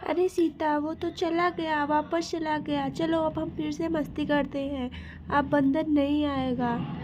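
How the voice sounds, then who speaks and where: A woman's voice: high-pitched, little pitch movement, slow pace, noisy background. A woman voicing a cheerful, eager little girl in a doll story.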